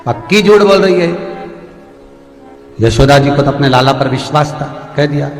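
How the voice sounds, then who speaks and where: A man's voice: fairly high pitch, moderate pace. Man preaching a story in an echoey hall. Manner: animated storytelling. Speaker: religious storyteller. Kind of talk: devotional story sermon. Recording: echoey hall with faint music.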